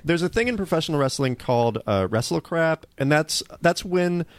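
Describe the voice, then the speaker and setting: A man co-hosting a podcast who explains wrestling terms in a casual, lively way. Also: a little high, moderate pace, no room sound. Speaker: podcast co-host.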